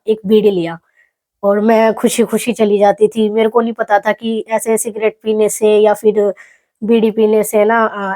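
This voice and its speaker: A young woman from Haryana, telling a personal story in an interview in a soft, reflective, halting way. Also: fairly high pitch. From Haryana, India. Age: young adult. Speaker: athlete guest.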